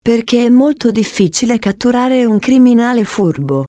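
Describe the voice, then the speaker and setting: A woman reading the lines of a calm, wry male police officer in a storybook, with a mild, even delivery. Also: fairly high pitch, moderate pace, no echo, natural voice.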